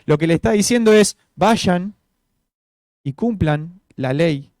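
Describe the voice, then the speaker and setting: A man's voice: high-pitched, lively intonation, takes it slowly, darkish tone, no room sound. A man preaching an informal sermon, full of rhetorical questions and fillers. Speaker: pastor. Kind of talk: conversational sermon.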